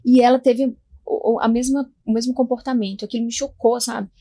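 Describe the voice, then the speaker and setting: A young Brazilian woman from Minas Gerais, a guest mother telling her story in a podcast chat, soft-spoken, acting out the lines of others. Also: on the high side, steady tone, fairly quick.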